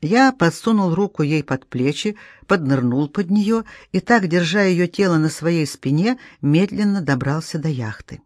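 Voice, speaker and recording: A woman reading a novel aloud as an audiobook, calm and measured. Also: lowish voice, no room sound, clean studio sound. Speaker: audiobook reader.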